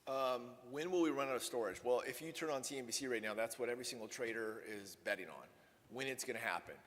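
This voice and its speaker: An energy policy speaker gives a conference presentation with Q&A in a hall with long reverb. His mid-range voice has a fairly bright tone, and he talks fast in a conversational, wry manner, often correcting himself mid-sentence.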